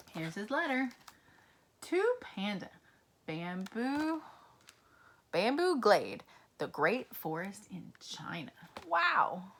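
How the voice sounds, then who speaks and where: A woman reads a picture book aloud for toddlers, her pitch swooping up and down in a lively, playful way. She sounds animated and exclamatory. She keeps turning to the young listeners with questions. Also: a little hiss or hum. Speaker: children's storyteller.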